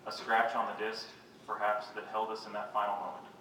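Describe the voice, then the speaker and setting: A man's voice: on the low side, completely flat delivery, sharp tone. Man reading poems in an echoey room. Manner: measured, unhurried reading of poems; wry, self-mocking banter between them. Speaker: poet reading his own work. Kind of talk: live poetry reading with joking asides. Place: reading venue with a live audience. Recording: very echoey room, voice picked up from a distance, faint background noise.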